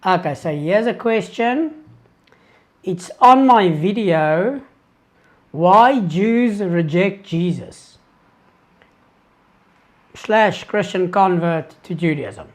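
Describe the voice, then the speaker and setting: A South African man, Afrikaans his first language, answers viewers' questions on a live-stream Q&A with earnest sincerity. His voice sits high and animated, and he stops and starts again as he works through his thoughts.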